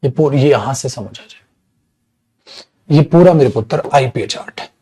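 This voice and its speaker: A man's voice: mid-range voice, unhurried, dark tone, slightly rough, poor audio. A man teaching an English class online, calling students "beta" and stretching out sounds to demonstrate them.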